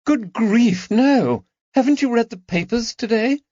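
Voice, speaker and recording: Here a man narrating puts on an exaggerated, sing-song voice for a distressed, bitter aristocratic lady in her forties, tremulous and theatrical, high and loud, her lines mounting in distress. He speaks a little slowly, and the slightly dull recording is dry with no echo.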